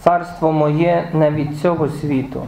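A man reading the words of Jesus on trial in a liturgical Passion reading in church, with a measured, even delivery. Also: fairly high pitch, vocal fry, a little hiss or hum. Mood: solemn. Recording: echoey church room.

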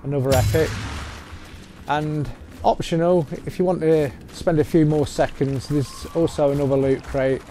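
A man with a mid-range voice gives a loose, rambling walkthrough while playing, recorded as voice-over on gameplay capture. Loud game music plays behind him, and there's a little hiss or hum.

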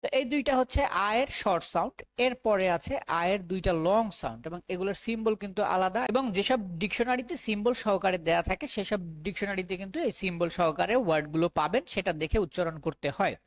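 A woman teacher with a Bengali accent who gives a phonics lesson. She says each English sound slowly and draws it out, then repeats the word again and again. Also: mid-range voice, dry recording.

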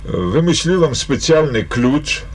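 An older man, a former fishing-school teacher, recalling his methods deliberately with hesitations. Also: a little high, sing-song.

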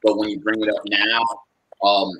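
A man's voice: on the low side, monotone, moderate pace, pushed and bright, slight background noise, rough recording. A man who works as a trainer, speaking casually from a room at home on a video call, close to his camera. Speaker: fitness trainer. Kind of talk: video call panel discussion.

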